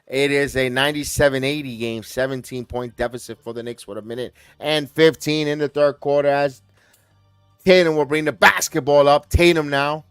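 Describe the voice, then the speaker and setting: A man's voice: fairly high pitch, fairly even intonation, smooth, no room sound, studio quality, soft background music. Man calling live play-by-play. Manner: rapid play-by-play calls that rise and push on big plays, talks to chat viewers by name. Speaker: host and play-by-play caller. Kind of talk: live watch-along play-by-play commentary.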